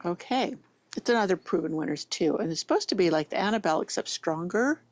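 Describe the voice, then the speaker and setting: A woman's voice: lowish voice, lively intonation, quick pace, darkish tone, dry recording. A woman with braces that slur her S sounds, chatting casually and thinking aloud to viewers as a gardening vlogger. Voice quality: slurred, lisping S sounds from braces. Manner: informal, thinking aloud, addressing viewers directly. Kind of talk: casual rambling vlog chat, sometimes reading plant details aloud.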